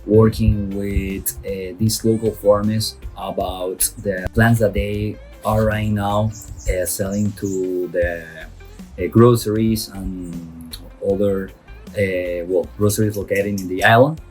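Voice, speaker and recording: A man from Colombia giving a testimonial in a halting way, with many pauses and fillers. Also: fairly low pitch, little pitch movement, a little mellow, faint music behind. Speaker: program participant.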